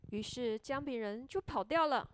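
A woman narrating a children's story in a gentle, sing-song way. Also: on the high side, moderate pace, dry recording.

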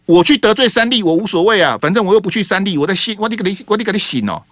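A man's voice: sits high, expressive, rapid-fire, fairly bright tone, no echo, clean studio sound. A man with a Taiwanese Mandarin accent hosting a radio talk show, giving fiery, sarcastic political commentary full of rhetorical questions. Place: radio studio.

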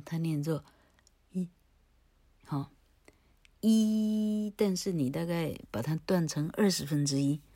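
A woman's voice: sits low, warm tone, slightly rough. A woman teaching English pronunciation in a recorded lecture. She tells playful jokes, laughs at her own stories, tags her phrases with a chatty "ha", and stretches out sounds to demonstrate them.

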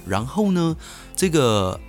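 A young man from Taiwan, hosting a podcast and telling a story in an animated way, full of restarts and self-answered asides. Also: mid-range voice, slow, faint music behind. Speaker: podcast host.

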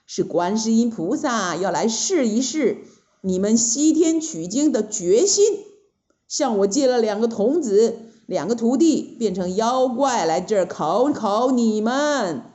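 A woman's voice: a little high, animated, a little slow, warm tone, muffled recording. A woman doing a kindly smiling old deity.

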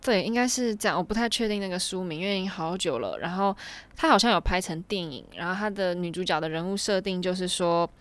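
A woman's voice: on the low side, quick pace, dry recording. A young woman, telling a casual story to camera and chaining her thoughts with constant "and then"s. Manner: rambling, chains clauses with "and then".

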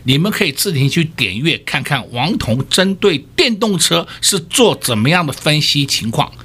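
A man's voice: on the high side, sing-song, normal speed, fairly bright tone, husky. A man hosting a radio stock market show, talking emphatically and firing rhetorical questions at listeners. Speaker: stock market analyst host.

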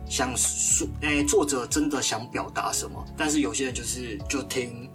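A man's voice: medium pitch, moderate pace, music in the background. A man co-hosting a podcast, easygoing and playful in casual chat. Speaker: podcast co-host.

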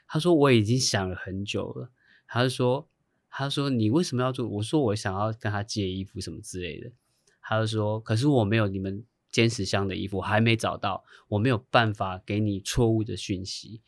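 A man with a lowish voice, talking casually as he spins a long anecdote. He acts out the people he quotes and laughs now and then. The recording is dry and close, with no room sound. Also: brisk, dry recording. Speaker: guest; hairstylist. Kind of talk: casual storytelling chat.

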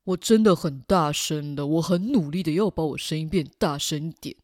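A woman voicing a shy, soft-spoken teenage boy classmate who mumbles very quietly. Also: low voice, moderate pace, no room sound, studio quality, voice pushed down, natural voice. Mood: earnest.

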